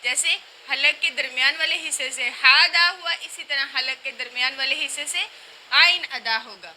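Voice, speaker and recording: Bright, high-voiced woman teaching recitation. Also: a little hiss or hum, rough recording. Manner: repeats letters and words slowly to demonstrate, then explains briskly. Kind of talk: tajweed lesson, explaining and demonstrating sounds.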